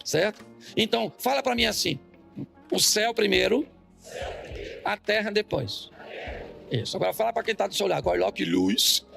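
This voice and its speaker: Man, Brazilian Portuguese accent, pastor, high gravelly voice, lively joking sermon, faint music behind. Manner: animated, joking, asks the congregation questions. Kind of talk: lively church sermon with audience call-and-response. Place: church service.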